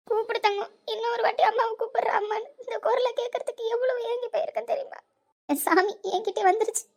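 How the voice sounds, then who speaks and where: A woman voicing a middle-aged mother in a homemade family drama, tearful and pleading. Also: very high voice.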